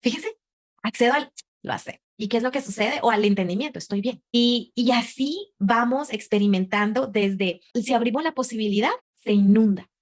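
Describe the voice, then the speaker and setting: A woman's voice: fairly high pitch, moderate pace. A woman leading a group conversation, asking many rhetorical questions and acting out voices as she speaks. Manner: expressive, animated delivery. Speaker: conversation facilitator. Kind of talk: motivational talk to a group.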